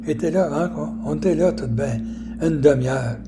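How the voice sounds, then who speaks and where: A man in his eighties with a Québécois accent, telling stories from his life in a rambling, halting way full of fillers and restarts. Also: a little high, very noisy. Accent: Québécois French. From Quebec. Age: 80s. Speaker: storyteller recounting his life. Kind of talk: casual life storytelling.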